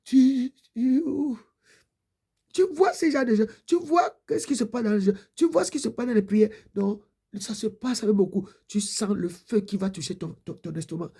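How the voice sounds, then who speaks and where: Gravelly, husky woman preacher. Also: a little high, normal speed, warm tone. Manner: repetitive, pleading prayer lines. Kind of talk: fervent exhortation and prayer.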